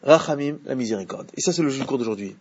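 Un homme qui donne un cours de Torah de façon animée et pose des questions à ses élèves. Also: male voice, medium pitch, very fast, breathy edge, highs cut off. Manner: animated, asks the class questions. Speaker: Torah teacher. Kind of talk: Torah class.

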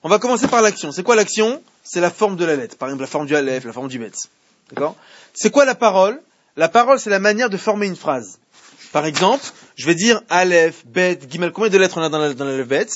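High, husky man teaching a Torah class. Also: expressive, fairly quick. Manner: questions the students, repeats himself, restarts. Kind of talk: Torah class in French with Hebrew readings. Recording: muffled lo-fi classroom recording.

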